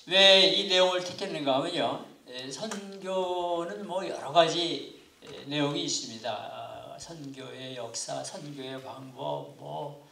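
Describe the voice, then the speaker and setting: Heard from across a reverberant church classroom, a man in his seventies with a rough, gravelly voice set slightly high gives a lecture to lay students. He talks unhurriedly and politely, pausing often between phrases. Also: sharp tone, a little hiss or hum. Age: 70s. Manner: unhurried, halting, polite formal speech. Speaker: pastor teaching a missions class. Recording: echoey room, far from mic.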